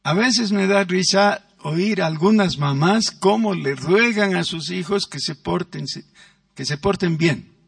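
A man's voice: high voice, vocal fry, no echo, far from the mic. A man preaching a sermon as pastor, stressing words and acting out quoted voices. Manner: emphatic, drawn-out words with acted quotes.

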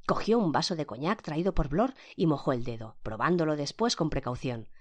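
Lively-pitched Spanish audiobook narrator. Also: a little fast. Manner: acts each character's quoted lines with pitch and loudness shifts.

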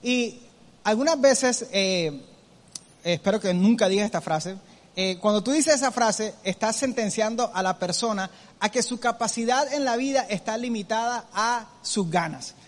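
A middle-aged man preaching a sermon, lively and animated, acting out family members and slowing down for emphasis. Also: sits high, in a large hall.

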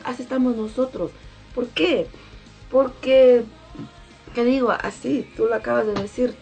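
A woman's voice: fairly high pitch, a little slow, vocal fry, darkish tone, faint music behind. A mother in a casual devotional talk, speaking emphatically and repeating key phrases.

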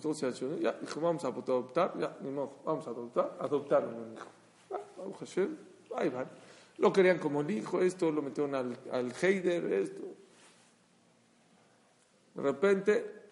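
A man giving a sermon full of stories, acting out the dialogue in them with lively energy. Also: medium pitch. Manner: animated storyteller, acts out dialogue. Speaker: rabbi. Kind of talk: sermon with storytelling. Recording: long hall reverb.

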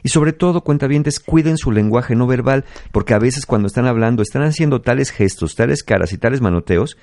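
Lively Mexican man explaining. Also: medium pitch, brisk, no room sound, clean studio sound. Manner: explanatory, acts out examples. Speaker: host. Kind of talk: relationship advice talk.

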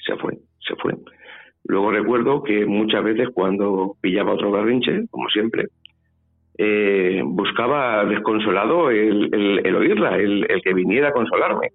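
On a tinny phone line with faint music behind him, a Spanish man with a lowish, creaky voice tells a personal story as an interview guest. He's animated but speaks at a measured pace, hesitating and repeating his words.

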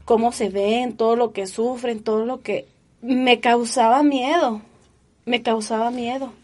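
A woman, telling her personal story in an interview with earnest, animated feeling and many fillers. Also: fairly high pitch. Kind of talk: emotional personal testimony.

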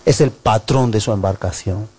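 A male pastor delivering a sermon in an animated way, acting out voices and piling up emphatic lists. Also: lowish voice, moderate pace, husky.

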